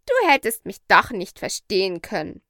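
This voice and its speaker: A woman voicing a proud, bossy female parrot in a storybook reading, speaking slowly and emphatically. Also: medium pitch, huge pitch swings, a bit bright, dry recording, studio quality. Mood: matter-of-fact. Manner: slow, emphatic, lecturing.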